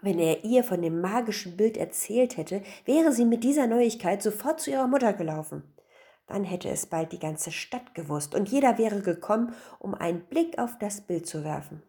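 A woman narrating a fairy tale in an expressive reading voice. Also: medium pitch, moderate pace. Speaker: storyteller. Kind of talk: scripted storybook narration.

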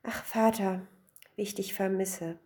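A woman's voice: mid-range voice, normal speed, mellow, natural voice. A woman voicing an earnest young husband in a storybook tale.

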